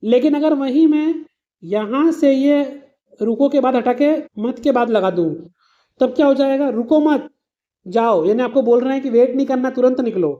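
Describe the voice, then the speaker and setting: Woman, teacher, exam revision lesson, patient explanations, everyday examples, mellow tone. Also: sits high, highs cut off. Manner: explains patiently with simple everyday examples, addresses students as "beta".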